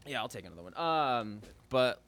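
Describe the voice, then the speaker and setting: A man's voice: mid-range voice, very animated, moderate pace, fairly bright tone. A male comedian telling a rambling, profane story in casual podcast chat, full of fillers.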